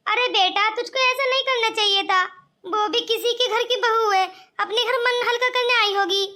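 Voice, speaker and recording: A worried mother in a cartoon, as a woman voices her, coaxing and fussing over her married daughter. Her voice sits very high and sounds bright and sharp. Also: moderate pace. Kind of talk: cartoon voice acting.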